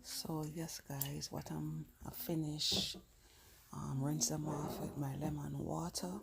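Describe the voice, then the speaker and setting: A woman with a Jamaican accent talks casually through kitchen tasks in a low, gravelly voice. She explains step by step, often repeating herself. Loud noise from a home kitchen runs behind her voice. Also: flat delivery, slow pace. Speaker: home cooking vlogger. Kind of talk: casual cooking narration while working. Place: indoor home kitchen at counter and sink. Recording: noisy home kitchen recording with handling sounds.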